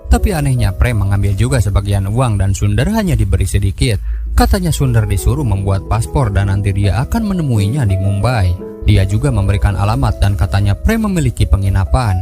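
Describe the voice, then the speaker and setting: Low-voiced man narrating over music. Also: lively intonation, fairly quick. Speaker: film recap narrator. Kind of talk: scripted storytelling narration. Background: background music.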